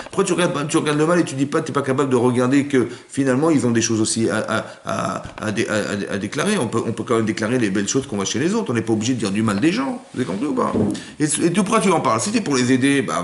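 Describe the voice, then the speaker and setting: Fast-talking rabbi in an echoey room. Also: male voice, mid-range voice. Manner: emphatic, rhetorical, addresses listener directly. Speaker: rabbi giving a Torah class. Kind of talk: home Torah lesson. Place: at home.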